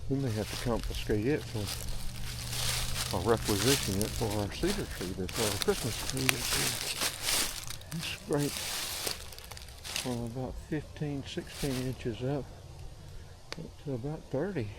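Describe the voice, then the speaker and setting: An older man talks slowly and casually as he walks in the woods, with clear outdoor noise and crunching around him. His pitch is average for a man, and he rambles along in short, thoughtful phrases. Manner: rambling, unhurried, musing aloud in short phrases. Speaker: vlogger. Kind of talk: casual walk-and-talk musing.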